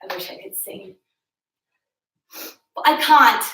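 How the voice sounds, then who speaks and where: A woman's voice: on the high side, animated, takes it slowly, sharp tone. A woman leading a home workout, counting reps aloud and making chatty, joking asides between sets. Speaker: fitness instructor. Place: room at home with a mirror. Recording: roomy echo, from a distance.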